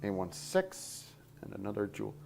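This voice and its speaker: A man's voice: fairly low pitch, very animated, moderate pace, vocal fry, darkish tone, slight background noise. A man hosting a casual livestream, mumbling asides to himself as he works through a build. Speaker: host building a model kit on stream.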